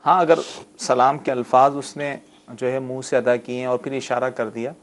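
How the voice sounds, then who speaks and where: A man serving as the mufti on a religious TV call-in show, who explains rulings patiently and slowly spells out the correct pronunciation. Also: mid-range voice, level tone. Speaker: mufti answering callers' religious questions.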